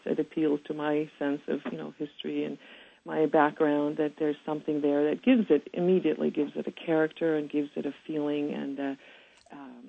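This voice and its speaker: A woman's voice: low-pitched, creaky, husky. A woman from Germany, a restaurant owner, telling stories as a guest in a radio interview over a phone line. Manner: warm storytelling with frequent laughs.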